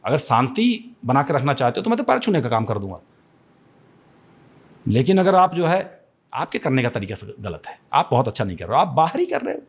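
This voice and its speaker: Impassioned man with lively pitch swings. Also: a little fast, husky. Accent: Chhattisgarh Hindi. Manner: impassioned, declamatory, repeats phrases with many restarts. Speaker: interview guest. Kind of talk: podcast interview.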